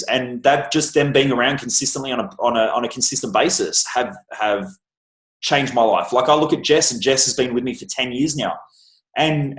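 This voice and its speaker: A man's voice: mid-range voice, fairly bright tone, reverberant, low-quality recording. A man in a casual podcast interview, talking bluntly and emphatically as a success coach, swearing freely. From Australia. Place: room with a bookshelf.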